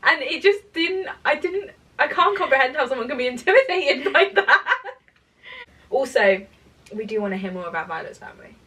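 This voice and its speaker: A woman co-hosting a fan podcast in casual, excitable, rambling chat, giggly and sweary, saying her R's like W's. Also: high-pitched, normal speed, far from the mic. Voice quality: can't say her R's properly, r sounds like w.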